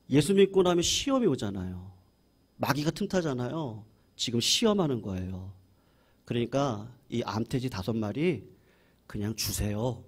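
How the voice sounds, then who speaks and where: A man voicing a calm, patient older male country pastor who speaks gently and persuasively. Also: mid-range voice.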